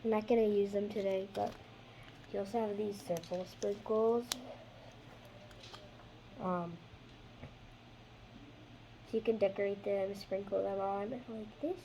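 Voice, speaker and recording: A woman hosting a casual craft how-to, chatty and rambling, with a slightly hoarse voice from losing it a little. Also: medium pitch, fairly even intonation, unhurried, long pauses, mellow, a little hiss or hum, low-quality recording. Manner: chatty, rambling, trails off mid-sentence. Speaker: craft video host.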